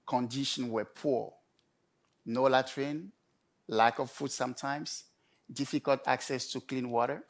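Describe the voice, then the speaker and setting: Man, mid-range pitch, storytelling speaker, short emphatic phrases with pauses. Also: steady tone. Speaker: conference speaker. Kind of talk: prepared storytelling talk.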